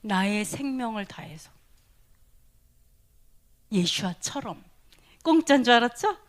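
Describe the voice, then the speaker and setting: Female preacher, high voice, questioning, laughing, sudden whispered asides. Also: lively intonation, a little slow. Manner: asks the listeners questions, then drops to a breathy whisper; laughs often between phrases. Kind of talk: sermon.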